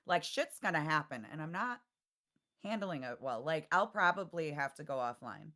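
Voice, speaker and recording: A woman's voice: low-pitched, animated, normal speed, bright, forceful tone. A woman guest on a podcast in casual chat, blunt and profane, getting emotional about what she watches.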